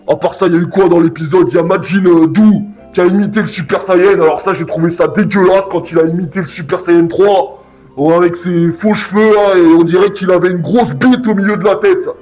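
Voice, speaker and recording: A man's voice: high-pitched, a little mellow. A man giving a casual review rant as a YouTuber, speaking in a blunt, crude, slangy way.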